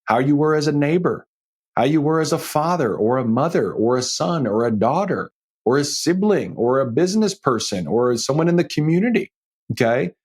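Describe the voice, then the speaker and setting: A middle-aged financial planner hosts his advice podcast solo, his voice a little high, animated, slightly mellow and breathy, at normal speed. He talks conversationally in an emphatic, folksy way, frequently checking in with rhetorical questions.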